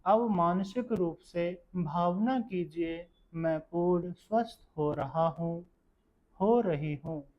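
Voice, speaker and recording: Slow, calm man guiding a meditation. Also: high-pitched. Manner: slow, calm, soothing instructions with long pauses. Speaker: yoga nidra guide. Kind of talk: guided meditation instruction. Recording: dull lo-fi recording.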